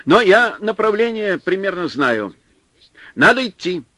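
A man reading an audiobook, voicing a rough, stubborn male guide who talks in a gruff, coarse, commanding way. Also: high-pitched, sing-song, a little slow, fairly bright tone, dry recording, pitched above the performer's own voice, full character voice. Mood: loud gruff.

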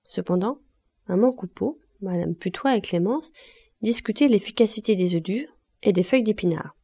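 Mellow-voiced woman reading a novel. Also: medium pitch, slightly rough. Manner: measured, expressive reading. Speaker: audiobook reader. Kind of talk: literary audiobook narration.

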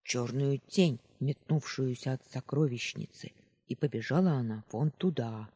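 A man's voice: mid-range voice, a little slow, darkish tone, breathy edge. A man voicing a cheeky, hot-headed young boy who talks back defiantly, in an audiobook reading.

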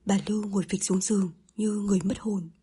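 Calm woman reading an audiobook, super breathy mellow voice. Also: mid-range voice, fast. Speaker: audiobook narrator. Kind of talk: scripted narration.

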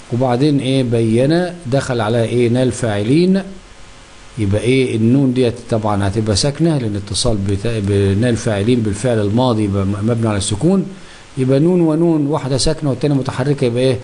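A man's voice: mid-range voice, rapid-fire, warm tone, slight background noise. A man with an Egyptian accent teaching a grammar lesson, asking questions and answering them himself. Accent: Egyptian Arabic.

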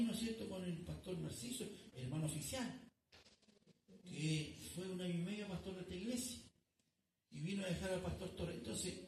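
A man's voice: high voice, a little mellow, a little hiss or hum. A man preaching a sermon as pastor, telling a story and calling his listeners "brother". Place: church. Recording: echoey room, distant mic.

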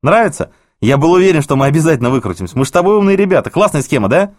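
A man voicing a desperate, scheming male manager in an audiobook, pleading and then shrill and threatening. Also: sing-song, rapid-fire, a little mellow, no room sound, clean studio sound. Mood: wheedling. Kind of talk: audiobook character voice.

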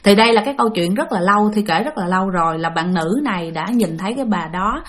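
A woman's voice: mid-range voice, lively intonation, fast. A woman with a Southern Vietnamese accent narrating ghost stories for her channel, chatty and often addressing her listeners. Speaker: ghost story channel host. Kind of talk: spoken ghost story narration.

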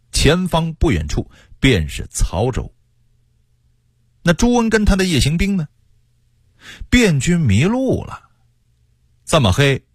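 A man narrating a history tale for radio in a studio, lively and joking with the listener. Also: fairly high pitch, breathy edge, no room sound. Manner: lively, jokey asides. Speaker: radio storyteller.

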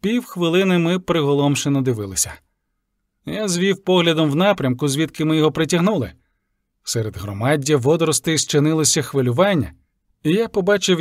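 A man narrating a sea story in the first person with an even, measured reading. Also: a little high, no room sound, clean studio sound. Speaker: audiobook narrator.

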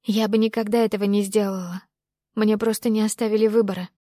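A woman's voice: mid-range voice, little pitch movement, fast talker, mellow, no echo, studio quality, close to an everyday voice. A woman reading an audiobook, voicing a heartbroken young woman in emotional outbursts. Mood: pleading. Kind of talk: audiobook character voice.

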